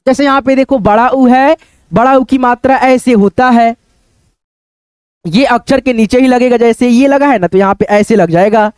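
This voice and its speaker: A man with a very high, crisp voice teaches letters step by step. He repeats himself patiently and keeps quizzing his viewers. The sound is dry and close. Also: normal speed, a little mellow, no echo. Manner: repetitive and patient, keeps calling out to friends and asking check questions. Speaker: online Hindi teacher. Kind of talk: teaching at a board, explaining step by step.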